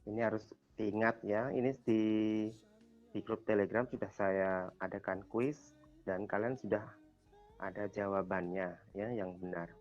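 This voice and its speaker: A man's voice: lowish voice, fairly even intonation, a little slow, pauses often, soft background music. Guy teaching an online class, quizzes students then repeats the answers, muffled call audio. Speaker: Thai language teacher.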